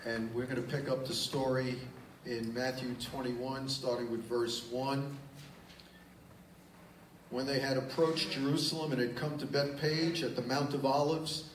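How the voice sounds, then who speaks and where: A man's voice: medium pitch, level tone, measured pace, slight background noise. A man preaching a sermon as pastor, reading scripture aloud and then explaining it in plain, emphatic asides. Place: church sanctuary. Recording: roomy church sound, distant mic, faint ambience.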